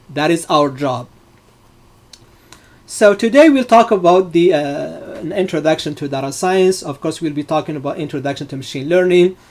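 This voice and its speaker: A middle-aged man from Morocco, with a fairly high voice, leads a live online data science class. He explains each step patiently and fills his pauses with many ums and uhs. He often restarts his sentences as he goes. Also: darkish tone. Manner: explanatory, frequent fillers and restarts.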